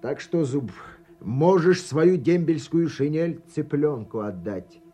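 A man's voice: a little high, expressive, slow, warm tone. An actor playing a sardonic soldier who needles his comrades in a mocking drawl.

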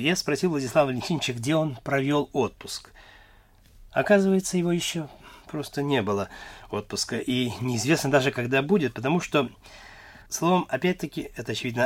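Man doing an old radio interview, polite and formal, kinda hesitant. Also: mid-range voice. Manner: formal, courteous, measured. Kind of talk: Soviet-era radio interview.

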